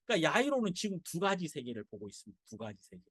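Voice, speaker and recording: Male pastor, dramatic storytelling preacher, very expressive pitch. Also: rapid-fire, husky, no echo, clean studio sound. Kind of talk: sermon.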